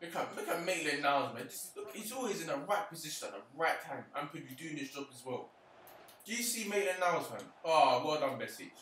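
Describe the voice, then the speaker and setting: A young man giving casual, excitable commentary on his own football video game and scolding the players on screen. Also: fairly high pitch, fairly quick, far from the mic. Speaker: gaming channel host. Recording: roomy, off-mic, faint noise.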